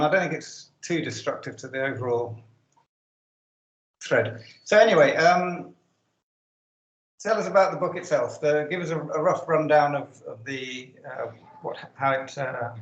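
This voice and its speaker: Give me a man whose call audio keeps dropping in volume, speaking haltingly in an echoey room. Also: on the high side, a bit bright, lo-fi sound. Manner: halting, searching for words. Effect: audio cutting out, uneven volume. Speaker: interviewer host. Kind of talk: remote interview over an online call.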